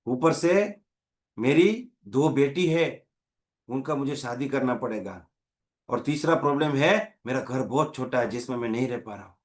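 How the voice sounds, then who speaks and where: A man voicing a weeping, debt-ridden man, low and quiet as he sobs out his troubles. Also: expressive, a little slow, close to an everyday voice. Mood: tearful. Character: weeping, broke middle-aged man.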